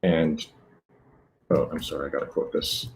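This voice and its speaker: A man gives a live technical demo in a very deep voice. He stops often, filling gaps and correcting himself as he walks through the steps. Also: little pitch movement, slight background noise, low-quality recording. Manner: halting, many fillers and self-corrections. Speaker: presenter.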